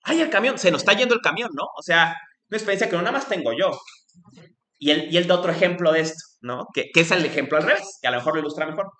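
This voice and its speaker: A man giving a university philosophy lecture, talking discursively with frequent tag questions, restarts and lively acted-out exclamations. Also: on the high side, quick pace, a little hiss or hum. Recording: echoey room.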